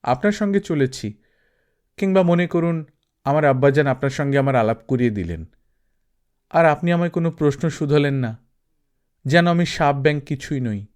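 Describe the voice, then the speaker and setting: A man reading aloud, voicing a playful, quick-witted young Afghan woman who teases with questions. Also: on the high side, lively intonation, a little mellow, natural voice. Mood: teasing.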